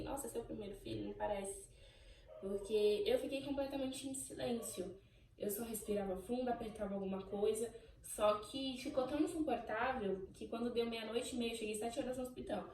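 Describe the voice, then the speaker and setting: A young Brazilian woman telling her own story on her channel in an emotional, animated way, acting out what people said. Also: fairly high pitch, roomy sound, distant mic, a little hiss or hum, rough recording. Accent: Brazilian Portuguese. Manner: emotional, animated storytelling, voicing remembered exchanges. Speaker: channel host. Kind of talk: personal birth story vlog.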